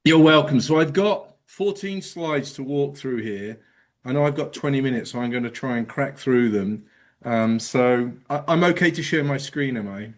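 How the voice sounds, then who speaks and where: A middle-aged man with an English accent, giving a casual presentation to a meeting over a video call and joking about himself. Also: mid-range voice. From England. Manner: casual, quick self-deprecating humor, frequent ums. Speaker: guest presenter.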